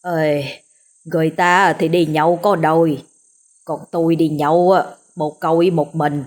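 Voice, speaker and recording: A woman's voice: low voice, brisk. A woman voicing a weary, tipsy old man. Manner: slurred, tired. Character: weary drunken old village man, self-pitying.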